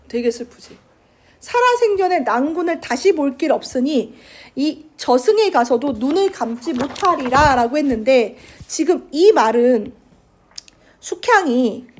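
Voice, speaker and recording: A woman teacher giving a chatty literature lecture, acting out the characters' lines in quick asides. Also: sits high, darkish tone. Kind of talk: lively lecture retelling a classic novel.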